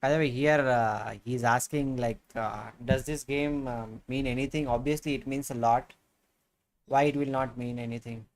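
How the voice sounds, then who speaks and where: A man in his thirties co-hosts a live chess stream from a room at home. He thinks aloud as he talks through the moves, with many fillers and pauses along the way. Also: mid-range voice, fairly even intonation, slight background noise. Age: 30s. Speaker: chess commentator co-host. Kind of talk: casual chess commentary.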